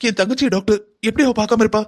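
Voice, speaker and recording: A voice actor playing an agitated elder sister in a cartoon, scolding and confronting. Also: female voice, on the high side, rapid-fire, lightly acted. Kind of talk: cartoon voice acting.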